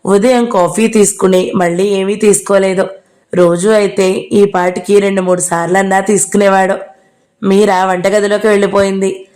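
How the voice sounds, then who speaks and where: A woman's voice: mid-range voice, little pitch movement, normal speed, darkish tone. Woman reading a novel aloud. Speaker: audio novel reader. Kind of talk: scripted narration of a novel.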